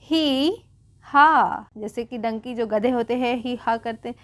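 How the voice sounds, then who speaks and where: A woman teaching English reading slowly, spelling out letters and repeating each word while asking her viewers how to say it. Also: fairly high pitch, flat delivery, mellow. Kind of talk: slow word-by-word reading lesson.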